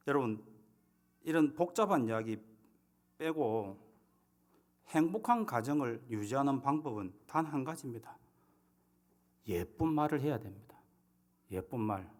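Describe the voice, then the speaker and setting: Lively Gyeongsang pastor preaching. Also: male voice, mid-range voice. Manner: humorous, conversational, acting out scenes. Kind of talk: sermon.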